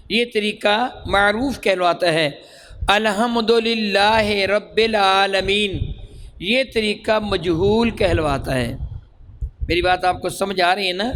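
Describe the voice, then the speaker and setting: High-voiced man teaching Quran reading. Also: a bit bright, slight background noise, low-quality recording. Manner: slow drawn-out demonstration of sounds, quizzing listeners. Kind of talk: classroom lesson on Quran reading.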